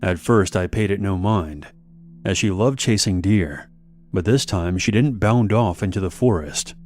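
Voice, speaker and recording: Deep-voiced man narrating a horror story. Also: measured pace, darkish tone.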